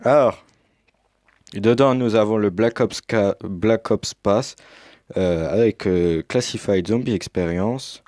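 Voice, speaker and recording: A man's voice: on the low side, slow, a little mellow, dry recording, studio quality. A young man casually commenting as he unboxes a game edition, hesitant with many fillers, recorded on a headset mic. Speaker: unboxing youtuber.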